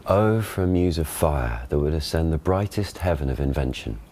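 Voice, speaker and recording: A man reciting Shakespearean English verse in a measured, declaimed way. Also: rumbling low, animated, darkish tone. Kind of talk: demonstrating Shakespeare verse in original and modern pronunciation.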